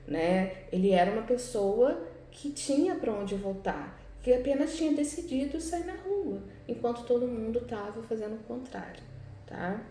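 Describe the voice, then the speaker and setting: A woman's voice: a little high, animated, moderate pace, dark tone. A woman teacher with a Brazilian Portuguese accent explains exercises step by step, often checking in with her students. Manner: explanatory, frequent "né?" and "tá?" check-ins. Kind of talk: recorded class lesson, correcting exercises. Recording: echoey room with faint background noise.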